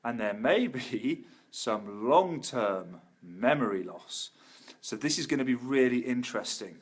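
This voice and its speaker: A man's voice: mid-range voice, lively intonation, measured pace, husky. A man giving a casual, chatty, upbeat video update to friends and followers. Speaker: vlogger.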